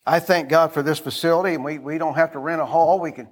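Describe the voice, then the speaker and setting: A man's voice: on the high side, fairly even intonation, fast talker. A middle-aged American man preaching an informal sermon as a pastor, in a folksy, conversational manner, repeating phrases and prompting his listeners to respond.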